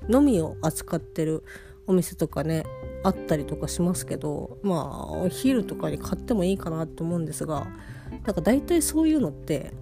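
A woman with a fairly low voice talks through a casual personal diary while lying down. She sounds sleepy and rambles along without hurry. Plucked guitar music plays clearly behind her. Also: expressive, moderate pace. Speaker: host of a personal audio diary. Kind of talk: casual monologue diary chat.

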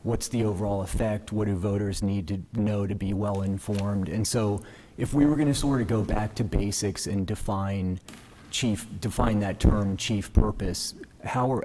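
Low, mellow-voiced male judge, questioning. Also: a little hiss or hum. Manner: conversational, thinking aloud, hedged phrasing. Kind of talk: probing questions from the bench.

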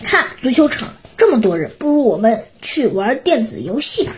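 A woman's voice: a little high, very animated, moderate pace, husky, heavily acted. A woman voicing a sly young schoolboy in a children's story, sounding eager and wheedling.

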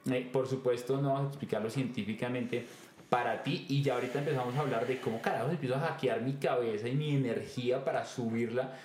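A man's voice: mid-range voice, fairly even intonation, fast talker, a little mellow, faint music behind. A man hosting a podcast, telling stories animatedly and acting out bits of dialogue. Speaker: podcast host. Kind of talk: conversational podcast talk. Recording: echoey room.

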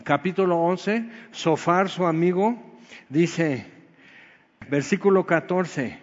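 A man preaching a sermon with a higher-pitched voice, jumping from loud bursts to low quiet asides. The sound is muffled and dull. His voice rings with a long reverb, as in a large hall. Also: takes it slowly. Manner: animated, swings between loud exclamations and low quiet asides. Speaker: pastor.

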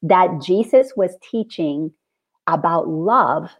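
In a fairly low voice and at a slow pace, a middle-aged woman from the Dominican Republic leads a spiritual conversation, recounting her story with animated sincerity.

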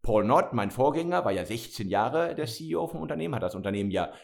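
A man's voice: mid-range voice, very animated, fast talker, creaky, darkish tone. A middle-aged man from Spain, a company CEO, answering interview questions with many fillers and restarts. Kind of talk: interview conversation.

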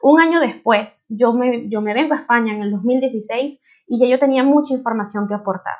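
A Venezuelan woman with a fairly high voice, talking to listeners in an earnest, personal, conversational way. She has a Venezuelan Spanish accent. The recording is somewhat dull and lo-fi. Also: fast, a little mellow. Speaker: podcast host. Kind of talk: podcast introduction monologue.

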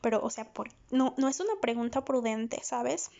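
A woman's voice: fairly high pitch, normal speed, gravelly, a little mellow. A woman psychologist hosting a podcast in a candid, chatty monologue, often laughing. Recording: dull lo-fi recording.

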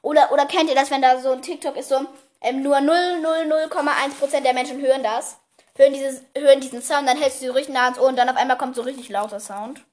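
A teenage girl chatting casually as podcast host, giggly and teasing, talking fast. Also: sits high, steady tone, darkish tone. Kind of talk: casual chat.

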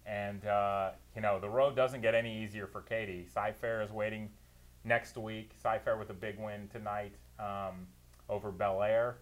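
A man's voice: lowish voice, steady tone, normal speed. A man working as a producer and analyst, giving detailed, opinionated recaps of football games on a talk show. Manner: detailed play-by-play recaps, opinionated, laughs easily.

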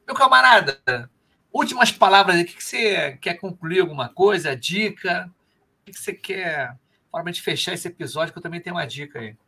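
Brazilian guy hosting a live podcast, rambly, reads chat out loud, raspy fry in his voice. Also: on the high side, fairly quick. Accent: Brazilian Portuguese. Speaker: podcast host.

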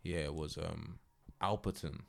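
A man's voice: very deep voice, steady tone, unhurried, vocal fry. A man with a London roadman accent chatting casually in street slang in a group podcast. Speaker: podcast speaker.

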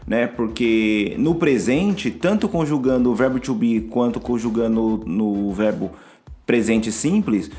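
A man's voice: medium pitch, unhurried, warm tone, soft background music. A man, an English teacher patiently explaining grammar on a podcast, often restarting his sentences.

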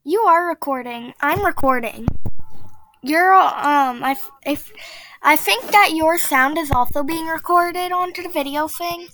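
A woman hosting a casual podcast and reading a spooky story aloud. She is chatty and excitable, and she often breaks into giggles. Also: high-pitched, measured pace, slight background noise. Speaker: podcast host.

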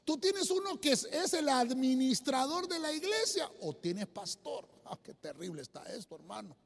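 A man's voice: very high voice, big pitch swings, moderate pace, vocal fry. A man, a pastor, preaching an emphatic sermon to listeners online and calling them brother again and again. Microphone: streamed to listeners online. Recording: long hall reverb.

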